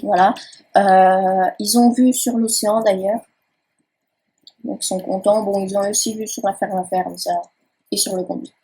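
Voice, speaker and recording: A woman's voice: mid-range voice, steady tone, a little slow, mellow, slightly rough, poor audio. A young woman casually touring her game world, rambling and hesitant with many fillers. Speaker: gaming channel host. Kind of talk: casual game-tour commentary. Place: at home by a laptop.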